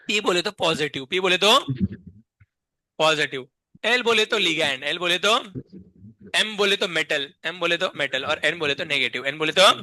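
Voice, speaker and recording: A man's voice: high-pitched, pushed and bright, dry recording. Guy teaching chem, keeps firing questions at the class, dry close sound. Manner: constantly quizzes the class with repeated questions; drills mnemonics in a playful sing-song. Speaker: chemistry teacher. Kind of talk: classroom lecture.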